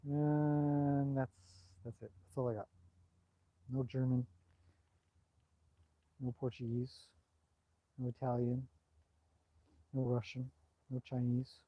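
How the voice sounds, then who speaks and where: Outdoors by a horse paddock on a bright day, a man hosts a casual livestream on his cell phone, chatting loosely about his horses and answering viewer comments. His medium-pitched voice is level and slow, with frequent pauses. The recording is dry and muffled.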